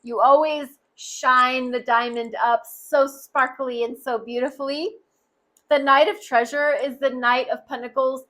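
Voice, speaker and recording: A woman's voice: sits high, fairly even intonation, a little slow, fairly bright tone. A woman giving a tarot card reading, speaking earnestly and straight to the listener. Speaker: tarot reader.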